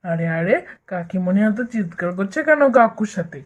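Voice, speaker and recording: Woman voicing a gentle earnest young boy. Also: medium pitch, normal speed, close to an everyday voice. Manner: earnest, soothing. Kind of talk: doll story voice acting.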